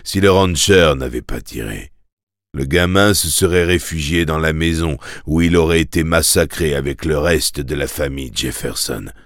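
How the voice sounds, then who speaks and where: A man narrating a story in the first person in a measured, grave way, for an audiobook. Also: rumbling low, no room sound, studio quality.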